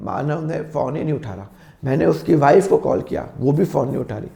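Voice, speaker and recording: A man teaching accounting, with a slightly sore throat he keeps clearing, acting out both sides of made-up phone calls. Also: fairly high pitch, a little fast, mellow. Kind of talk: classroom lesson with acted dialogues.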